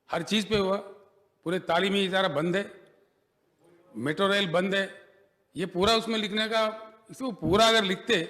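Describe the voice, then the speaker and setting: A man's voice: high-pitched, a bit bright. A man replying as a government minister in an assembly debate, switching between Hindi and English and repeatedly asking to be heard. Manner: defensive, keeps pleading to be heard. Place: legislative assembly chamber. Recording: long reverb of an assembly hall.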